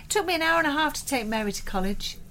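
A woman co-host with a high, animated voice, chatting casually and joking. There is faint noise around her. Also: racing. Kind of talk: casual comic banter.

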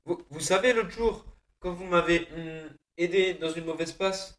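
A man's voice: high voice, a little slow, a bit bright, pitched above the performer's own voice. A man voicing a nervous young police officer who stammers and hesitates. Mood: hesitant.

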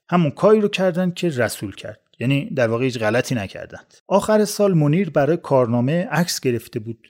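A man narrating a story on a podcast in a lively, colloquial, dramatic way. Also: a little high.

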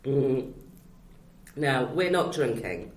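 A woman's voice: very deep voice, very animated, takes it slowly. Woman, 40s, podcast host; chatty, self-deprecating, echoey room sound. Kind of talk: casual interview chat. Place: comedy venue.

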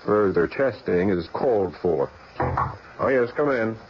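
An earnest sanatorium doctor, with a lowish voice that moves widely in pitch. He sounds concerned, in radio horror drama style, on a dull recording with faint noise. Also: animated, unhurried. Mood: measured, earnest.

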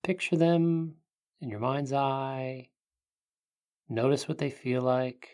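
Speaking like a sleep story narrator, this meditation guide keeps a steady tone in a mid-range, creaky voice. The hushed, gentle instructions come with long pauses.

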